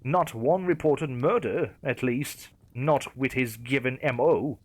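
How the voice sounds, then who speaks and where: A man's voice: medium pitch, takes it slowly, no room sound. A man voicing a blunt, teasing young woman on a diner date in a creepypasta narration.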